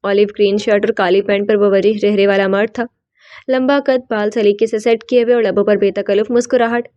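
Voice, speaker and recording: Woman, audiobook novel narration, even storytelling, mellow, dull lo-fi sound. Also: mid-range voice, no room sound. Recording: dull, slightly lo-fi.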